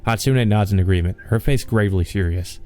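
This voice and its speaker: Low-voiced man narrating a visual novel. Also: brisk, a little mellow, soft background music. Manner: informal, sweary, rambling asides. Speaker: let's play host reading aloud.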